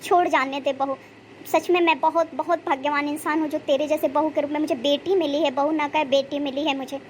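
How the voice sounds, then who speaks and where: A high, bright-pitched woman playing a pious, sentimental mother-in-law in a cartoon story. She prays aloud and lavishes praise on her daughter-in-law. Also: fairly even intonation, fairly quick, slight background noise, natural voice. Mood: tender. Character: emotional older Indian mother-in-law, pious and doting.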